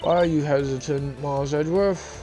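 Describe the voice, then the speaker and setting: A man's voice: fairly high pitch, fairly even intonation, moderate pace, natural voice. A man voicing a cocky male investigator who calls himself a wolf, reading game dialogue aloud with a teasing, taunting manner. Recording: game music behind the voice.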